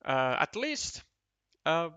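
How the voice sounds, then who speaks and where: A man's voice: fairly high pitch, very animated, slow pace, pushed and bright, clear, resonant tone, no echo. A man commentating a competitive board game match, thinking aloud, counting tiles and often restarting his sentences. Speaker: esports commentator.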